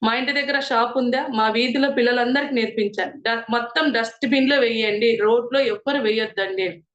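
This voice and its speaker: A woman's voice: fairly high pitch, normal speed. A middle-aged woman telling a moral story in an earnest, preachy, conversational way. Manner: earnest and moralizing, retells a story with quoted dialogue. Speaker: meditation group member sharing experiences. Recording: roomy, dull lo-fi sound.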